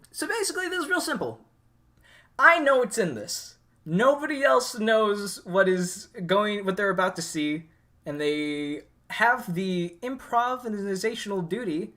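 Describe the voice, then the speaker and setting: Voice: mid-range voice, sharp tone. A livestream host rambling through technical setup with lots of fillers before running an improv game. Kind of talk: casual livestream hosting.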